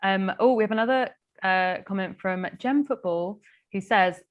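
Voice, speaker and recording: A woman's voice: medium pitch, moderate pace, lo-fi sound. A young woman hosting a live book chat and reading viewer comments in a bubbly, rambling way. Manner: bubbly, rambling, filler-heavy. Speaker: host.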